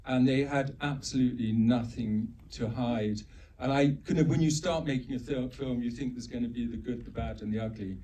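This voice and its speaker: Mellow-voiced man, earnest film director. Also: medium pitch, moderate pace, few pauses. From Uganda. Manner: earnest, emphatic, repeats words for stress. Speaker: film co-director, panel guest. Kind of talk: post-screening Q&A answers. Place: screening venue with live audience. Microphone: handheld mic held too far off. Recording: distant mic with faint noise.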